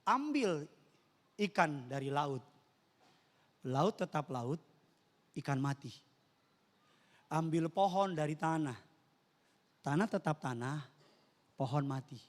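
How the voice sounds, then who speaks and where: High-voiced man preaching in an echoing church. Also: slow pace, long pauses. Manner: lively, joking, addressing the congregation directly. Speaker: pastor. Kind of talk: sermon. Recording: long reverb of a church hall.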